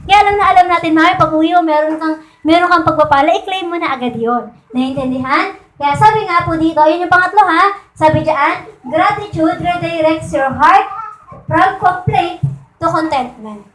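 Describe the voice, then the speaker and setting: A woman preaching a sermon in a conversational way, often checking in with her listeners through quick rhetorical questions. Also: very high-pitched, fairly bright tone. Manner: conversational, repeats and restarts points. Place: church meeting room. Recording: echoey room.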